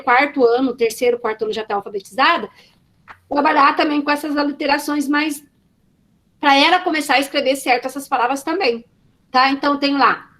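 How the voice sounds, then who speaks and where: A woman's voice: sits high, a bit bright. A woman teacher giving an online class on a video call, explaining step by step and often checking in with her students.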